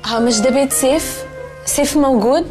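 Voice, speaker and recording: A high-voiced, unimpressed young woman visitor , played by an actress, with a dry Egyptian delivery. Music plays behind her. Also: brisk, natural voice.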